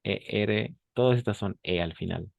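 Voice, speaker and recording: Deep-voiced patient male language teacher. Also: moderate pace, creaky, no echo, highs cut off. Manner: patient, repeats each phrase, often checks understanding. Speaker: French teacher. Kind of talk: bilingual language lesson.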